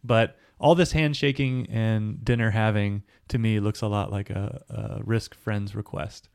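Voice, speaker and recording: Male co-host, low pitch, dry close sound, talks things through with examples. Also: steady tone, unhurried, a little mellow, smooth, no echo. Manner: explains at length with analogies. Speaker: podcast co-host. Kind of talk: casual discussion.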